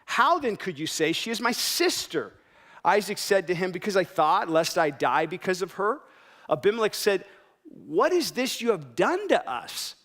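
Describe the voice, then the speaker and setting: Male pastor, sermon, light higher-pitched voice, conversational delivery with rhetorical questions. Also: fairly bright tone. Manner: conversational, self-interrupting preaching with rhetorical questions.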